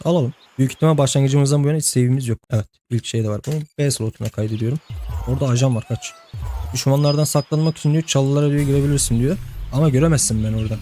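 A man's voice: mid-range voice, mellow, slight background noise. A young man giving casual let's-play commentary, chatting to the game's characters and laughing often. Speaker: gameplay host.

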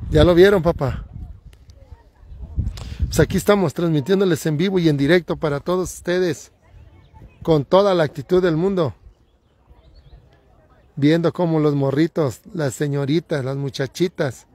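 Brief: male Mexican live commentator, hyped, repetitive warnings, high-pitched, phone-recorded outdoors. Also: moderate pace, long pauses. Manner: excitable, repeats warnings and catchphrases. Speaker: livestream commentator. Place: outdoors on a hillside race course.

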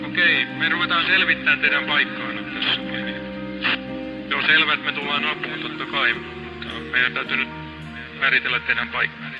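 A man's voice: a little high, steady tone, fairly quick. A ship's radio operator, a man, making clipped calls with hesitations over a marine radio transmission. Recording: lo-fi radio with music behind. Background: music.

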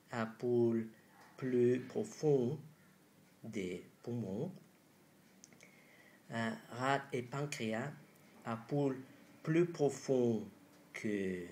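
A man in his thirties gives a lesson in French with a foreign accent, clearly not his native language. He speaks extremely slowly and haltingly at an average male pitch, searching for his words. The amateur indoor recording has faint background noise. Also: a little mellow. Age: 30s. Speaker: doctor presenting an acupuncture method. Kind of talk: instructional presentation. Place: small room indoors.

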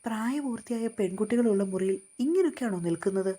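A woman's voice: medium pitch, expressive, fast talker, warm tone, lightly acted. A woman voicing a stern, short-tempered young husband who scolds and gives orders in a storybook reading. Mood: scolding. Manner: scolding, commanding.

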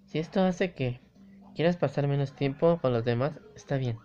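Un jugador que lee con calma los diálogos de una presidenta de club adolescente y segura de sí misma de un videojuego, en una grabación apagada de baja calidad. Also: medium pitch, normal speed, close to an everyday voice. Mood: friendly. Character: calm confident teenage girl, club president. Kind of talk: reading game dialogue aloud. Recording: dull lo-fi recording.

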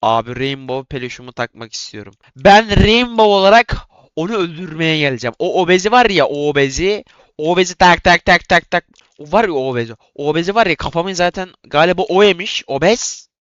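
A young man runs loud, excitable gameplay commentary, yelling at rivals one moment and mumbling to himself the next. His voice sits a little high and smooth. The sound is dry and close, with a slightly dull, lo-fi tone. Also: no echo. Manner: excitable, yelling and trash-talking, quick swings from loud to mumbling. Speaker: gaming YouTuber.

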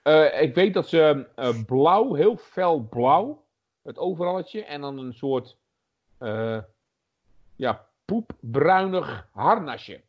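A man's voice: on the high side, lively intonation, slow pace, lo-fi sound. A man co-hosting a podcast, chatting casually about old video games with lots of fillers and restarts. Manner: rambling, many fillers and restarts. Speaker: podcast co-host.

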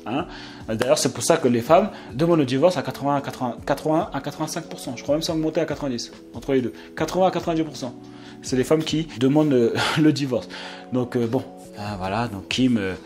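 A man, talking casually to his viewers, acting out little exchanges and laughing often. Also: medium pitch. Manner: animated, acts out quoted voices, laughs often. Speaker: YouTube channel host. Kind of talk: casual monologue to camera.

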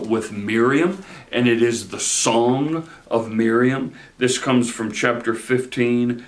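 A man in his forties, a pastor preaching a sermon from a chair in a study, animated and gesturing, often repeating words as he starts a phrase. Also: medium pitch. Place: study with bookshelves, indoors.

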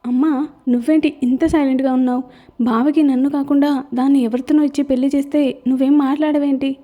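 A jealous, possessive young woman voiced by a woman narrator shouts demanding lines in a storybook reading. The voice is a touch high and very mellow in tone. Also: steady tone, fairly quick, close to an everyday voice. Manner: shrill, demanding.

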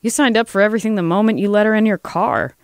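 A man's voice: a little high, moderate pace, clear, resonant tone, no room sound, lightly acted. Woman reader playing a crude bully of a lobbyist, snaps and sneers, dry close sound. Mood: snapping. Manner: sneering, snapping. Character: gruff hard-nosed male lobbyist, bullying and crude.

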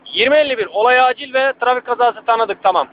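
A man's voice: very high voice, fast talker. A man working as a police dispatcher, calling units over a walkie-talkie radio in clipped call-sign phrases. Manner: clipped, formulaic call signs. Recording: muffled radio with loud static.

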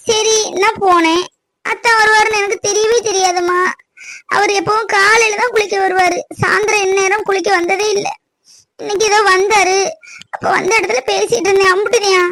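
A woman's voice: very high voice, fairly even intonation, normal speed, fairly bright tone. A woman voicing a young, lovestruck village daughter in a cartoon, distressed and tearful. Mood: crying pleading. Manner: distressed, crying, pleading. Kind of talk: cartoon voice acting.

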